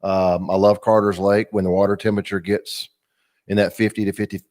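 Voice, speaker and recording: Deep-voiced man in his fifties. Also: level tone, fairly quick, darkish tone. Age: 50s. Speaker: fishing guest. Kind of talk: casual chat.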